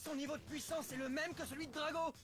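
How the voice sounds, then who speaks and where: An impulsive, determined boy hero from a French cartoon dub. The voice is high and excitable, built on exclamations, with very loud music underneath. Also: fast. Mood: alarmed. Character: hot-blooded, determined boy hero battler. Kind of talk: French anime dub acting.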